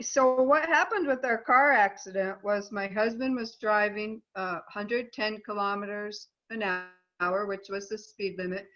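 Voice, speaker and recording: A woman tells a personal story as a guest in an interview, her tone bright and clear. She gets animated, pushing her voice up sharply for the moments she acts out. The call audio is a touch dull and lo-fi. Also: mid-range voice. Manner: animated storyteller, voice jumps up for quoted outrage. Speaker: guest, co-author.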